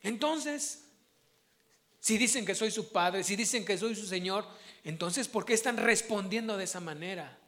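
Male preacher, high pitched, animated, questioning the congregation. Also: moderate pace. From Mexico. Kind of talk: sermon.

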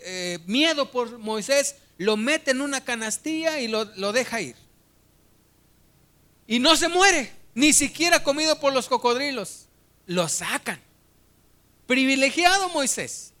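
A man's voice: extremely high pitch, sharp tone. A man preaching a sermon, retelling a Bible story in a conversational, humorous way.

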